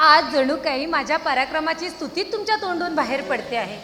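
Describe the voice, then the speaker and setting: A woman's voice: high-pitched, animated, brisk, background noise. A woman playing a teasing young warrior heroine. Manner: playful, teasing. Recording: echoey hall, stage music behind.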